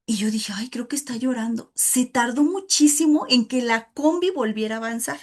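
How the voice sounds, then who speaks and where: A woman's voice: a little high, moderate pace, darkish tone. A woman giving an informal, emotional sermon to a women's Bible study, calling her listeners "hermano" as she tells a personal testimony. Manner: addresses listeners as "hermano" often, emotional and earnest.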